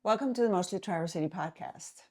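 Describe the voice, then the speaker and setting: Lady in her 50s cohosting, lowish voice, lots of uh's, easygoing chat. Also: darkish tone. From Denmark. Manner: unhurried, with many filler "uh"s. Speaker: podcast co-host. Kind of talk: casual chat.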